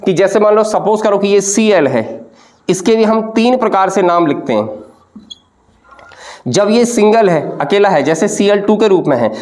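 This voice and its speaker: High-voiced man teaching chemistry. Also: a little mellow. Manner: patient, repeats questions to students. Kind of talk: classroom lecture.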